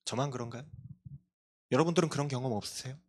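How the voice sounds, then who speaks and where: A man's voice: mid-range voice, quick pace, slightly rough. A male pastor giving a sermon to a youth congregation, earnest and confessional, with self-deprecating asides. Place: church.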